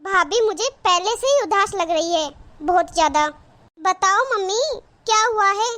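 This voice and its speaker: A woman voicing a chatty young married sister in a cartoon, with a very high, bright voice. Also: expressive, unhurried, full character voice. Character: cheerful young married sister visiting her brother. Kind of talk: cartoon voice acting.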